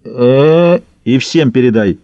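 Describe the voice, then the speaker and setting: A man's voice: mid-range voice, lively intonation, slow pace, warm tone, no echo. A man voicing an irritated male baron who barks curt threats down the phone. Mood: gruff. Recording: slightly dull dry recording.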